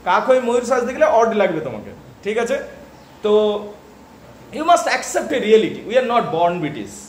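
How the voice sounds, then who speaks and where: A man with a Bengali accent teaching English literature in a classroom lecture, often pausing to check that students follow. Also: very high voice, echoey room, slight background noise.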